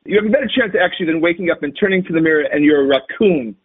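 A man's voice: fairly high pitch, lively intonation, rapid-fire, husky. A man calling in as a guest on basketball, speaking with a lot of hesitations. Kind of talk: casual phone-in chat. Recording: tinny phone line.

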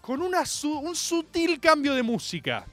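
A man's voice: very high-pitched, huge pitch swings, a little slow, sharp tone, soft background music. A man with a Rioplatense Argentine accent hosting a radio show, telling a comic monologue in slangy, theatrical storytelling. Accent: Rioplatense Argentine Spanish. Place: radio studio.

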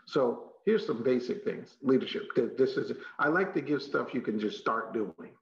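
A man's voice: medium pitch, animated, normal speed, creaky. A man with a Texas accent giving a motivational leadership training talk in an emphatic, folksy manner, repeating phrases for effect. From Texas, United States. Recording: muffled, echoey room recording.

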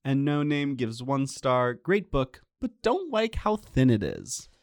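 A man's voice: medium pitch, very animated, takes it slowly, no echo. Dry-voiced man reading reviews with jokes. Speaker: podcast host reading reviews. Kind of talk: casual chat and reading aloud.

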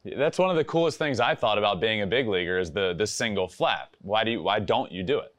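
A man hosting a casual interview, animated and acting out the quotes he retells. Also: fairly low pitch, a little fast, dry recording, clean studio sound. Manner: animated, acts out quotes in put-on voices. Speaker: podcast host.

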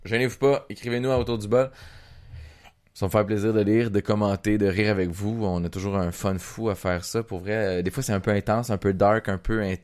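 A Québécois man hosting his podcast in a loose, casual chat. His voice sits on the low side, and he wanders through his sentences with plenty of fillers. He sounds tired. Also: brisk. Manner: relaxed, rambling, with many fillers. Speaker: podcast host.

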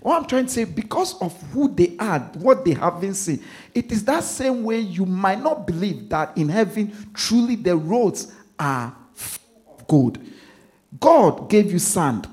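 A man with a Ghanaian accent preaching a sermon as pastor, repeating phrases and swinging between hushed asides and loud emphasis. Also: sits high, sing-song, a little slow.

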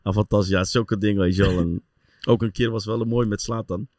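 A middle-aged man, telling football stories in casual talk and acting out scenes with a voice that jumps high as he laughs. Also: fairly quick, dry recording, studio quality. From Netherlands. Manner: animated storyteller, voice rises high when acting out scenes, laughs often. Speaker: former footballer and assistent coach telling stories.

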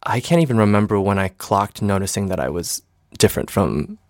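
A young man in his twenties, raised in Michigan, talks casually as an interview guest about his life. His voice sits fairly low, and he hedges and restarts often, filling gaps with ums. The sound is dry and close, with no room echo. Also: animated, brisk, a little mellow. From Michigan, United States. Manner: hesitant, many fillers and restarts. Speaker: interview guest, stage actor and singer.

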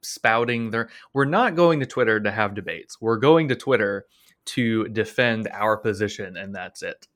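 A male podcast host chats casually with his guest. He is agreeable and quick to laugh. His voice sits on the lower side. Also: a bit bright. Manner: agreeable, laughs along, backchannels often. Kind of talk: casual interview chat.

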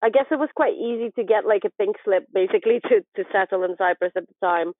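Over a dry, phone-like line with no echo, a young woman from southern Ukraine chats quickly in a medium-pitched voice. As an interview guest in a casual conversation, she hesitates a lot, often restarting and leaning on fillers.

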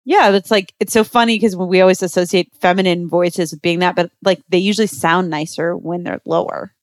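A woman's voice: fairly low pitch, fairly even intonation, fairly quick, dry recording, studio quality. A woman hosting a podcast, chatting casually and laughing often.

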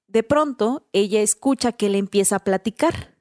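A woman with a Mexican accent, telling a story in a casual, animated way, full of slang and tag questions. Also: medium pitch, normal speed, dry recording, clean studio sound. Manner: animated, slangy, tags lines with "¿no?" and "güey".

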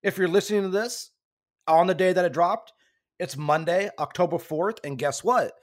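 A man hosts a casual sports podcast, rambling and correcting himself as he loses his voice. His voice sits high at a normal speed.

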